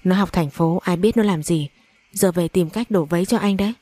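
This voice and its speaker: Woman reader voicing a sly coaxing stepfather, low warm delivery. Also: brisk, no echo, close to an everyday voice. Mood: wheedling. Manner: wheedling.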